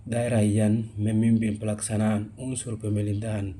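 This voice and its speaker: A young man, a university student, giving a steady formal reading of a regulation for a class video. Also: lowish voice, normal speed, a little hiss or hum.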